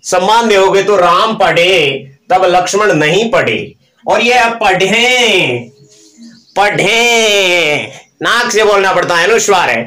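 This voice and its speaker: A man's voice: high-pitched, moderate pace, hardly any pauses, a bit bright, reverberant. A man teaching an online grammar lesson, reciting verb forms aloud and asking and answering his own questions.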